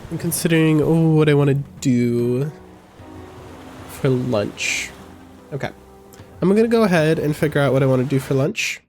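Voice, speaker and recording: A man's voice: a little high, moderate pace, pauses often, darkish tone, soft background music. A man streaming a game live, giving wry, joking, chatty commentary.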